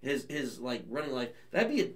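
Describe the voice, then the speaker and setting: A man in casual podcast chat, swearing freely and losing his thread before picking it back up. His voice sits at a middle pitch and sounds a little distant from the mic. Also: very animated, brisk. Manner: loose, profane, trailing off and restarting. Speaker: podcast host.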